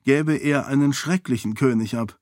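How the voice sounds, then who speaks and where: A man voicing a sharp-witted young royal woman in an audiobook, lifting his voice and talking with quick self-assurance. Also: mid-range voice, no room sound, studio quality, voice pushed up, close to an everyday voice. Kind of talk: audiobook character voice.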